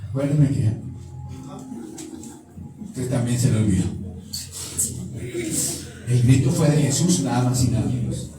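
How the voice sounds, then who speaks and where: A man's voice: medium pitch, unhurried, pauses often. A man preaching a sermon as pastor, emphatic and putting questions straight to his congregation. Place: church. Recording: echoey hall, distant mic, music behind.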